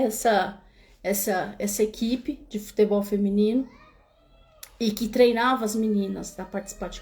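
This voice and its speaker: Her mellow, mid-range voice carries a São Paulo Brazilian accent as she livestreams casually from home in Spain. The young host keeps restarting and leaning on filler tags while recounting her story into a webcam or phone camera.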